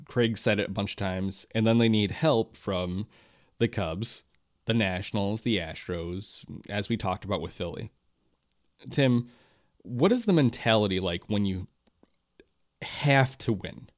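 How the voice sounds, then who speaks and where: Low-voiced man asking questions, dry sound. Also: a little slow, no room sound. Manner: asks questions, steers the talk. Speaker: podcast host. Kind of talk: casual sports chat.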